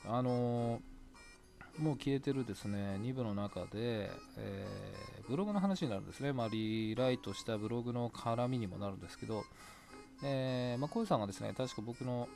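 Gravelly man chatting over soft music. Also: medium pitch, normal speed. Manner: chatty, rambling, laughs to himself. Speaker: podcast host. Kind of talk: solo talk radio looking back.

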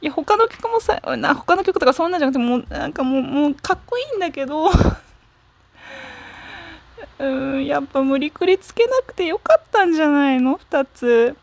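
A woman's voice: sits high, animated, a little fast, no echo. A woman musing aloud in a casual solo talk, rambling and frank, stopping often to correct herself and trailing off into fillers. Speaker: solo talk show host. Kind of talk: casual solo fan chat. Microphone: smartphone app recording.

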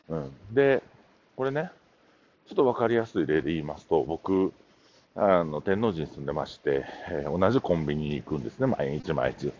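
A man's voice: low voice, darkish tone, highs cut off, slight background noise. A middle-aged man with a Kansai accent, hosting a casual solo talk show and telling stories in a chatty, meandering way. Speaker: podcast host.

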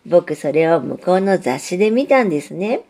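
A woman's voice: on the low side, big pitch swings, moderate pace, mellow. A woman voicing an earnest, lovesick young male railway signal in a storybook reading, pleading and eager. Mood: confiding. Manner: pleading, eager, repeats himself.

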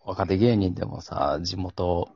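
A man's voice: low-pitched, slow, darkish tone, breathy edge, no room sound, muffled recording. A man with a Kansai accent chatting casually and colloquially. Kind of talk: casual chat.

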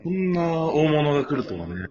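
Very animated, teasing male co-host. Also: fairly high pitch, normal speed. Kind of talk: bantering radio chat. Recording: dull audio with chattering crowd sound.

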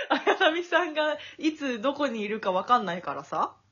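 A young woman co-hosting a casual comedy podcast, loud and hyper, playing a mock-formal emcee and laughing often. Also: high-pitched, sing-song, normal speed. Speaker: co-host. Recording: lo-fi, muffled audio.

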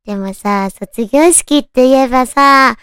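A woman with a naturally cute, girlish anime-style voice hosts a casual solo radio chat, talking to her listeners in a cutesy, animated way. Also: high voice, measured pace, smooth, no echo, studio quality. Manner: cutesy, animated, addressing listeners with soft questions. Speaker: radio show host.

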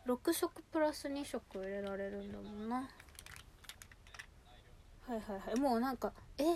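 A woman chatting casually and without a script as a show host, gushing excitedly and muttering asides to herself as she handles things. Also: fairly high pitch, normal speed, a little hiss or hum. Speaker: host of a personal audio show. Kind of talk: casual unscripted chat to listeners while unboxing and sorting cosmetics.

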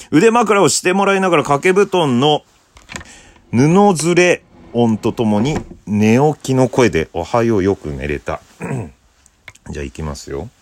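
Guy with a lowish voice chatting solo, shy and giggly, pitch jumps all over, dry close mic. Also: no echo. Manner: bashful, laughs at himself, drifts between low murmurs and high bursts. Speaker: podcast host reading listener letters. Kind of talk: casual solo talk show.

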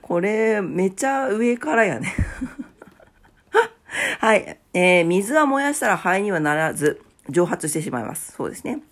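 Stuffy-nosed woman chatting, lively pitch. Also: a little slow. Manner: chatty, laughs at her own asides. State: stuffy nose. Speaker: podcast host. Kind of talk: casual morning talk.

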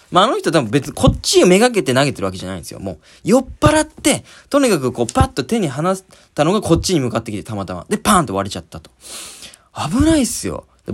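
Animated man telling a story. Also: fairly high pitch, slightly rough. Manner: lively, acts out scenes with sound words. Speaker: podcast host. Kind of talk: casual storytelling monologue.

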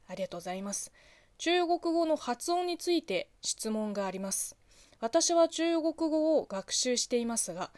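A woman from China speaking Japanese with a Chinese accent, hosting a solo radio talk show, reading listener letters and answering them in a chatty, animated way full of fillers. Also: fairly high pitch, no room sound. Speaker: host.

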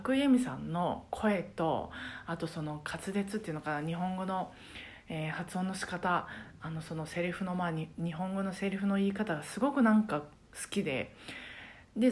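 A woman who teaches karaoke, talking alone on her podcast in a casual, thoughtful way, pausing often with soft fillers. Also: fairly low pitch. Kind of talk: casual solo podcast talk.

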